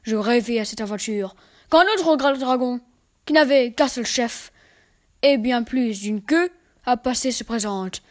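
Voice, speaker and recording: A woman voicing a sensible envoy who recounts a strange adventure in a calm, reasoned way. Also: a little high, a little slow, natural voice. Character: sensible old Turkish envoy telling a tale.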